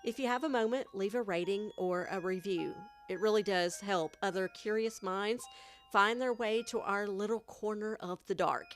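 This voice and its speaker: A woman with a country accent, hosting her own podcast and narrating a scripted, hushed, dramatic mystery story into a studio mic. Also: medium pitch, moderate pace, soft background music. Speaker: podcast host. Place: home studio.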